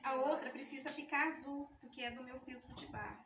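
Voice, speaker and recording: A woman with a high-pitched voice moves fairly quickly as she guides a youth ministry group through each stage of a live demonstration, her nerves making her voice unsteady. The distant mic catches plenty of echo and a noisy background.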